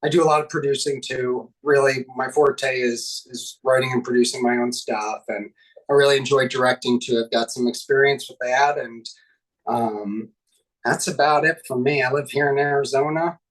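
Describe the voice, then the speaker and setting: A man's voice: mid-range voice, steady tone, normal speed. Easygoing man on a distant mic. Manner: easygoing, laughs often. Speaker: guest, filmmaker. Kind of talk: casual interview chat.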